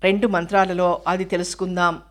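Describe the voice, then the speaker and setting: A woman reading a scripted spiritual commentary on a scripture in a measured, explanatory way, now and then asking and answering a question. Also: on the low side, little pitch movement.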